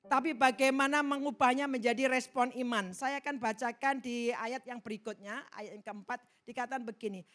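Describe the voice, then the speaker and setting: A middle-aged woman pastor preaching a sermon, emphatic, swinging from loud exhortation to soft asides. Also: a little high, fairly even intonation, normal speed, hardly any pauses. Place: large church hall.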